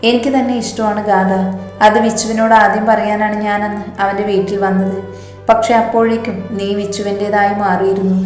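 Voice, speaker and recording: A woman's voice: medium pitch, level tone, a little fast, a little mellow, close to an everyday voice. A woman voicing an obsessive young man, a villain who pleads and threatens, in a roomy recording with faint music. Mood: pleading. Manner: pleading then menacing.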